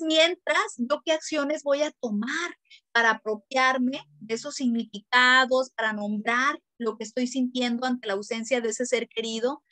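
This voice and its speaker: A woman's voice: on the high side, no echo. A woman giving a lecture as a child grief therapist. She asks her audience many rhetorical questions and acts out what adults say. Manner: expressive, acts out quoted adults. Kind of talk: webinar lecture.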